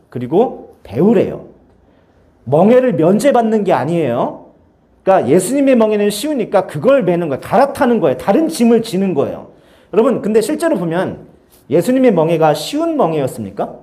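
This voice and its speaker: A man delivers a lively youth sermon in a church, his voice sitting high and swinging widely in pitch. He tells the story with sound effects and acted-out lines, in a mellow, warm tone. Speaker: youth pastor.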